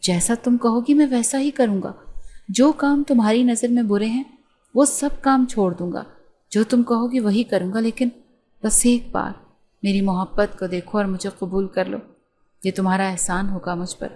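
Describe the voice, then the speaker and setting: A woman's voice: mid-range voice, steady tone, warm tone, close to an everyday voice. A lovesick young gangster man in an audio story, pleading and insistent, read by a woman narrator in nearly her own voice. The tone is earnest and pressing.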